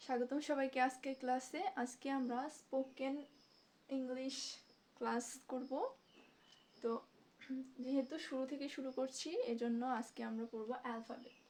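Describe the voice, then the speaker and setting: A woman teaching a spoken English class, slowly saying each letter of the alphabet with many pauses and fillers. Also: sits high, flat delivery, darkish tone. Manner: slow, deliberate, hesitant with fillers, spells out letters one by one.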